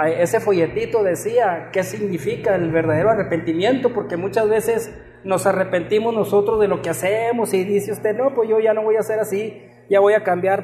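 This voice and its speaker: A man's voice: high-pitched, dark tone, roomy sound. A man giving a personal religious testimony as a former musician, telling his story earnestly and often quoting his own past words.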